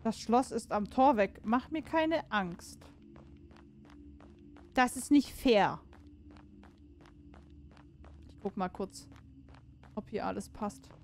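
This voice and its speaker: A woman's voice: medium pitch, lively intonation, slow, pauses often, a little mellow, a little hiss or hum. A woman giving casual let's-play commentary on a horror game, chatting to herself and viewers, cursing and exclaiming when something startles her. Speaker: gaming streamer.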